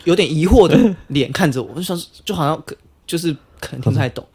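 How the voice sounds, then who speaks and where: A man's voice: a little high, fast talker, breathy edge. A man with a Taiwanese Mandarin accent, co-hosting a podcast and telling a funny story in casual chat, laughing often. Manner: animated, laughs a lot while telling a story. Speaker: podcast co-host.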